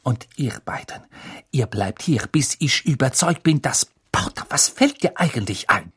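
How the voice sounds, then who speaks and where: A man voicing a stern, fussing middle-aged school nurse who scolds in a shrill, bossy way. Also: expressive, unhurried, fairly bright tone, slightly rough, no room sound, studio quality, heavily acted. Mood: indignant.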